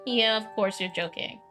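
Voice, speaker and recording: A woman's voice: fairly high pitch, measured pace, bright, forceful tone, faint music behind. Woman playing chatty small-town gal Stella. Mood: teasing.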